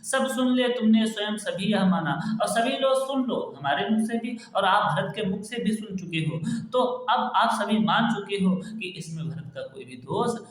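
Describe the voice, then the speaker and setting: A man with a high voice teaches a classic poem line by line. He patiently glosses each word and repeats phrases to make them clear, in a strongly echoing room. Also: animated, normal speed. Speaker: Hindi literature teacher. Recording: very echoey room.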